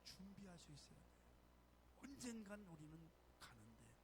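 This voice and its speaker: Lively high-pitched preacher man. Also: normal speed, noisy background. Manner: emphatic, calling out to the congregation. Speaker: pastor. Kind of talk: sermon. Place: church sanctuary.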